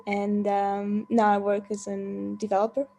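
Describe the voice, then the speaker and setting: A woman's voice: mid-range voice, monotone, measured pace, gravelly, warm tone, slight background noise. A woman, a developer, introducing herself tentatively on a video call. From Romania. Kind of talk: casual self-introduction.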